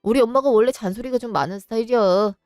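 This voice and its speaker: A woman voicing a weary young husband in a storybook drama, talking in a lowered, pleading tone. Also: fast talker, a little mellow, dry recording, clean studio sound, soft background music, natural voice. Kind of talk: storybook voice acting.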